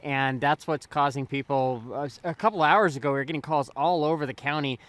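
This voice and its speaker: A man's voice: a little high, a little fast, a bit bright, dry recording. A man reporting live from outdoors at night, casually describing a wildfire while he films it. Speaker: news tracker reporter. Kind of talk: live breaking news report.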